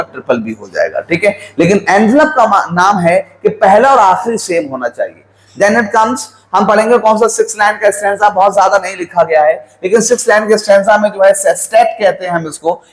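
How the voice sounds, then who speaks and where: A man's voice: high voice, rough recording. A man teaching a lesson on poetry, who asks questions and answers them himself and counts out rhyme schemes letter by letter. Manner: mixes in English terms. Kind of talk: classroom lecture on poetry.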